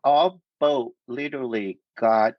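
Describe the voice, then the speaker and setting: Speaking at medium pitch, a middle-aged man from Vietnam, a native Cantonese speaker, recounts his life as a guest in a casual interview. He halts often, using many fillers and restarts. The recording is dry and lo-fi.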